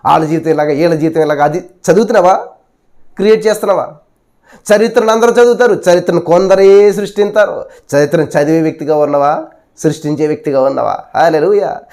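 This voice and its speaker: High-voiced preacher, hushed hallelujahs. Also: male voice, fast. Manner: rhetorical questions, repeated hallelujahs; dramatic swings between loud and hushed. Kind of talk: sermon.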